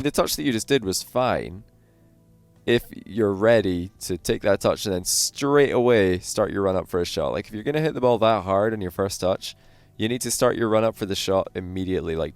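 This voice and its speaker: Brief: easygoing male replay coach with a lowish voice, chatty, soft beats underneath. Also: brisk, no echo. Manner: relaxed coaching, frequent fillers. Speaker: game coach reviewing a replay. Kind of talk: casual replay commentary. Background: faint lo-fi background music.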